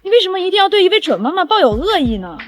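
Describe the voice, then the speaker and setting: Sharp, principled female lawyer, quick and high, firm delivery. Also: very animated, slight background noise. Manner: firm, earnest. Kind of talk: short drama acting.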